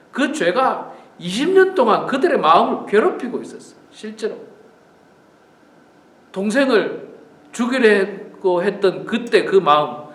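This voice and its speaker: A male pastor preaches a morning prayer sermon in an earnest, emphatic way, repeating key phrases. His voice sits high with a fairly bright tone, and the sound is roomy.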